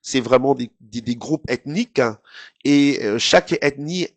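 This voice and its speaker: Gravelly Cameroonian man, dry close sound. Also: mid-range voice, a little slow, no echo. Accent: Cameroonian French. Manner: hesitant, many fillers. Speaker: TV host, guest. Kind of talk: casual interview.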